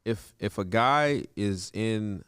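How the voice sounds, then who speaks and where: A man's voice: fairly low pitch, slow, fairly bright tone, clear, resonant tone. A man in his late thirties, a guest in a casual podcast chat, who talks bluntly and warns listeners directly. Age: 30s.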